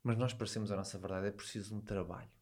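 Fast-talking, emphatic European Portuguese man. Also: fairly low pitch, steady tone, darkish tone. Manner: emphatic, insistent, repeats himself. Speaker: interview guest, book author. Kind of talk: casual chat.

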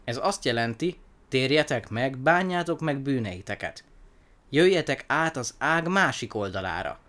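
A man's voice: mid-range voice, animated, a bit bright, natural voice. A man reading the lines of an earnest storyteller who preaches a moral to his listeners.

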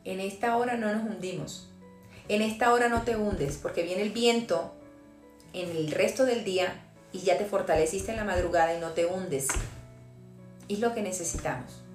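A woman's voice: medium pitch, moderate pace. A woman preaching a sermon with fervor, taking on the voice of the Lord in quoted passages. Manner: fervent, voicing the Lord's words in quotes. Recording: echoey room with music behind.

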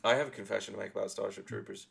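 A man's voice: lowish voice, fairly even intonation, racing, vocal fry, a bit bright, husky. A man co-hosting a casual podcast chat, sweary and rambling, with laughing asides. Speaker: podcast co-host.

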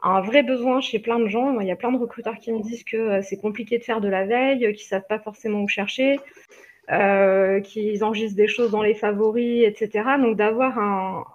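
A woman's voice: mid-range voice, a little fast, highs cut off. Easygoing woman co-hosting a stream. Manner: relaxed, easygoing, many fillers. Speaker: co-host of a live stream. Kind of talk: casual live stream chat.

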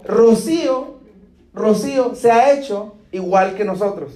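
High-voiced pastor preaching. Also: male voice, unhurried, mellow. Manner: asks the congregation "¿Está conmigo?" again and again; acts out short dialogues with playful humor. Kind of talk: sermon. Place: church hall. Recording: echoey church hall.

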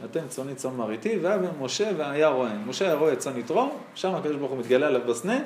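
A man's voice: mid-range voice, sing-song, background noise. A man, a rabbi, preaching a sermon and telling stories, his voice rising and dropping sharply. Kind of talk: sermon with storytelling. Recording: roomy echo.

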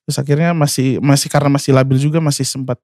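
A man in his twenties, a singer and guest, telling an emotional personal story in a halting way, full of fillers and speaking of himself by name. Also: medium pitch, steady tone, a little mellow, no echo, studio quality. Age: 20s.

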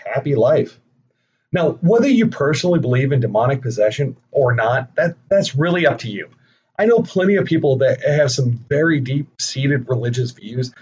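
A man's voice: mid-range voice, darkish tone. A young adult man hosting a podcast, telling a story casually with profane, jokey asides, on a dull lo-fi recording. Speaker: podcast host. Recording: dull lo-fi recording with faint noise.

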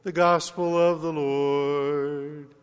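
Priest in a long cathedral echo. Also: male voice, a little high, level tone, soft background music. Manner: slow, measured church reading, sung responses. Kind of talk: liturgical gospel reading and homily. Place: large church. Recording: long church hall reverb.

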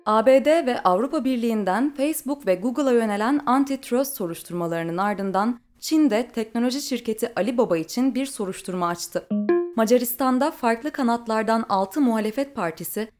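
Higher-voiced woman reading the news. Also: darkish tone, soft background music. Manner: clear, measured newsreader delivery. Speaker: news podcast host. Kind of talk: scripted news bulletin reading.

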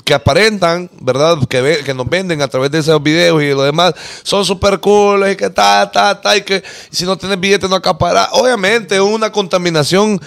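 A man's voice: sits high, normal speed, vocal fry, fairly bright tone, dry recording, clean studio sound. A man co-hosting a podcast, talking casually in slang and chiming in often. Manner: slangy, frequent interjections. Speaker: podcast co-host. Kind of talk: casual chat.

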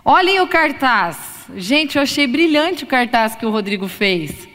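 Expressive female lecturer with a high voice, addressing a crowd in a reverberant hall. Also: measured pace. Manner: expressive, acts out examples in voices. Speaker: psychologist giving a lecture. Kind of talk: live lecture to an audience.

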